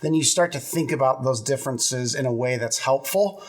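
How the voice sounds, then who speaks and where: A man's voice: medium pitch, moderate pace. A middle-aged man co-hosting a leadership podcast, explaining his points earnestly in casual conversation and checking in with a frequent "right?". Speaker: podcast co-host.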